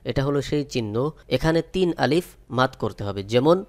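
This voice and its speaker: With an expressive, medium-pitched voice, a man leads a step-by-step Quran recitation lesson. He names each letter and vowel, then chants the words in a slow, drawn-out manner.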